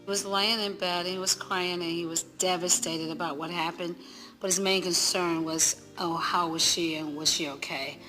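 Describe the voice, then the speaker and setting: A woman's voice: lowish voice, fairly even intonation, pushed and bright. A middle-aged woman, a mother, emotionally recounting events in a documentary interview. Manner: emotional, rushed, retelling events.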